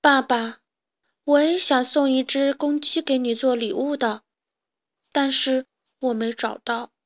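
A small, tearful fox girl, as a woman reader puts her on, her voice whimpering and pleading. It sits a little high and bright, like a shy child in a storybook. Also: fairly even intonation, measured pace. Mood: sheepish. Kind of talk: children's audiobook character voice.

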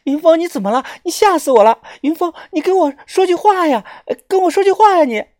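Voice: extremely high pitch, lively intonation, fast talker, darkish tone, no echo, studio quality, voice pushed up. A storyteller voicing a frightened young woman who calls out in a panicked, pleading way.

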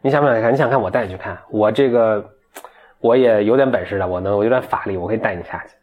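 A man's voice: on the low side, fast talker, narrow, tinny audio, lightly acted. Man voicing a friendly magic sea turtle. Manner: eager, helpful, casual.

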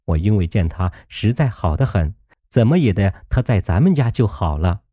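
A man's voice: fairly low pitch, animated, moderate pace, mellow, slightly rough, dry recording. A man voicing a doting young nobleman who speaks eagerly and placatingly in a storybook reading. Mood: eager, earnest.

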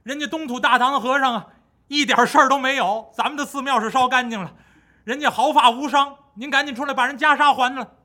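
A man voicing a crowd of frightened male temple monks in a spoken folk tale, shrill and excitable. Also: moderate pace. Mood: urgent.

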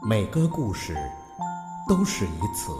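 A woman's slow, drawn-out show slogan, with her voice pitched down. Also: big pitch swings, full character voice. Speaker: children's storyteller. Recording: roomy reverb over loud chime music.

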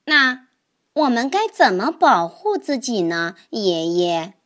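A woman voicing an excitable little boy toad in a children's storybook. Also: takes it slowly, heavily acted. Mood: excited. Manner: high, eager exclaiming.

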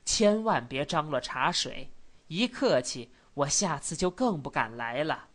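A calm, sorrowful older scholar speaks low and quietly, each phrase measured and unhurried, as a woman reader puts him on. The voice sits deep and slow, gentle rather than forceful. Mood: apologetic.

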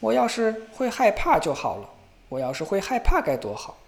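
A man voicing a bold, fearless young fellow who brags and shouts in a storybook reading. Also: a little high, sing-song, fast talker, gravelly, voice pushed up. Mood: puzzled, wistful. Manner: boastful, shouting.

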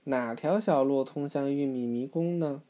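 A woman's voice: rumbling low, normal speed, warm tone. A woman voicing a worried mother pig in a storybook, calling out urgently for help. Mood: alarmed. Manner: urgent, raised voice.

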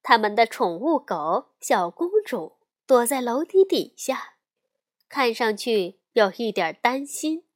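Woman reading a kids bear story, slow and really lively, bit high voice. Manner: expressive, unhurried storytelling.

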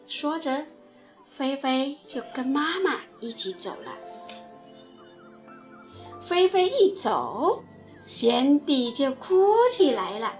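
Woman storyteller, very high voice, lively melody, slow reading, faint music behind. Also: dull audio. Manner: slow, gentle, expressive. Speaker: children's story narrator.

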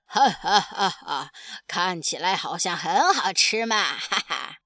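A woman's voice: medium pitch, slow, fairly bright tone, smooth, no room sound, clean studio sound. A woman voicing a greedy, menacing predator dinosaur in a storybook, with a sly, gloating laugh.

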